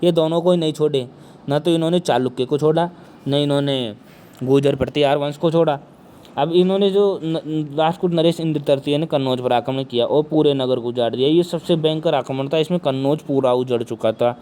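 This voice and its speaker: A male teacher giving an exam-prep history lecture, with a sore throat and speaking softly, who keeps asking questions and answering them himself. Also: a little high, a little fast.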